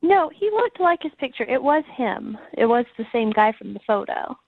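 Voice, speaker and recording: A woman's voice: on the high side, big pitch swings, normal speed, dry recording. Blunt woman on a tinny phone line. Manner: guarded, blunt, matter-of-fact. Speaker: person called on air. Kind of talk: casual phone conversation.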